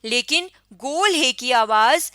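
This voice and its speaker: A woman's voice: high voice, lively intonation, slow, bright, forceful tone, no room sound, clean studio sound. A woman with a Pakistani Urdu accent, an Urdu teacher giving a patient lesson voice-over, repeating and correcting herself as she explains.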